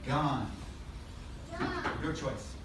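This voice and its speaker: Playful kids' party magician in an echoey room. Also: male voice, mid-range voice, very slow. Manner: playful, coaxing, instructing a child volunteer. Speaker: stage magician. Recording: very echoey, noisy room, distant mic.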